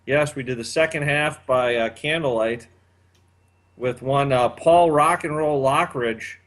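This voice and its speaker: A man's voice: mid-range voice, measured pace, a bit bright. A man in his fifties hosting a casual chat, rambling with many fillers. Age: 50s. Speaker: podcast host.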